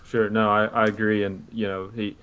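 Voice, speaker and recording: A man's voice: on the low side, flat delivery, normal speed, a bit bright, clear, resonant tone. A man co-hosting a sports podcast, talking football casually in a rambling way. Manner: rambling, many fillers and restarts. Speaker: podcast co-host. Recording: dull lo-fi mic audio.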